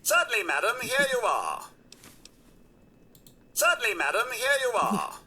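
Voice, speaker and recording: A man's voice: very high voice, big pitch swings, unhurried, pushed and bright, slightly rough, full character voice. An actor playing a polite, formal male robot butler in a video game, courteous and eager to serve.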